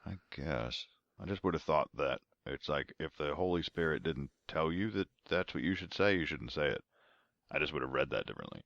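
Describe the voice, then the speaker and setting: A man with a very low voice that swings widely in pitch, talking casually and sarcastically on a podcast. He reads verses slowly in a mock-solemn tone. The recording is dry and a bit dull, lo-fi. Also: lively intonation, gravelly, a bit bright, dry recording. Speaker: podcast co-host reading scripture. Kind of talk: casual comedic chat and scripture reading.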